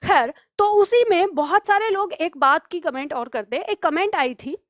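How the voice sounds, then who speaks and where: A woman's voice: extremely high pitch, animated, normal speed, no echo, studio quality. A woman teaching a Hindi exam-prep lesson, explaining patiently and asking and answering her own questions.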